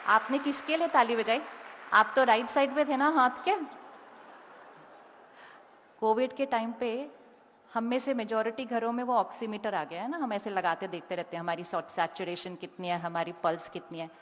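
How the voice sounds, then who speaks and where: A woman's voice: on the high side, fairly even intonation, normal speed, fairly bright tone, slight background noise. A woman giving a talk to a school audience, asking them questions and telling them what to do. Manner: directly questions and instructs the audience. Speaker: motivational speaker. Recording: long hall reverb.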